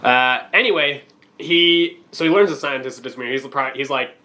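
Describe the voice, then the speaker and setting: A man co-hosts a comic-book podcast, joking and recapping plots in a loose, rambling way while recovering from a cold that makes his voice crack. His mid-range voice is pushed and bright, moving fairly quickly.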